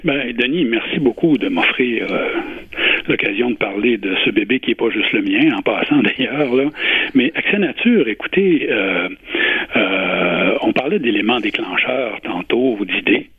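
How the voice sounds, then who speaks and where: Older quebec french guy in his 60s, husky, thoughtful interview answers, echoey phone-ish sound. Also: lowish voice, animated, normal speed. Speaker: interview guest, retired public servant and volunteer. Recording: muffled phone-like radio line with echo.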